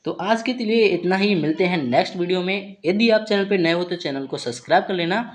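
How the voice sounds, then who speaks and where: A woman's voice: fairly low pitch, a little fast. A woman teaching an English vocabulary lesson, spelling words out letter by letter and checking in with a repeated "okay" after each point.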